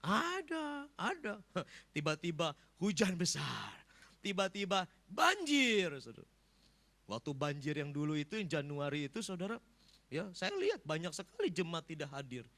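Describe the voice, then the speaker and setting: Animated male pastor preaching. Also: a little high, moderate pace, creaky. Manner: lively, animated preaching with sudden loud bursts and repeated "saudara". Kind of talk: sermon.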